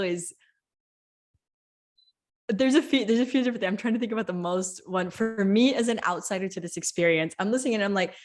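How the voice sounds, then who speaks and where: Woman podcast host, mid pitch, affirming and reflective, lots of "right?". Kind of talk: reflective interview conversation.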